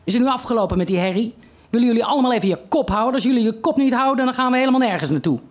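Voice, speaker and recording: A reader voicing an irritable father who yells at his children in exasperation. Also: medium pitch, very animated, a little fast, pitched above the performer's own voice. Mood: exasperated. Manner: exasperated, shouting.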